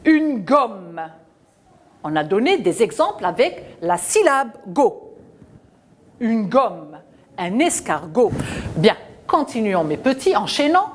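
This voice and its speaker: A woman teaching a children's phonics lesson, patient and questioning, spelling out letters and sounds slowly. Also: mid-range voice.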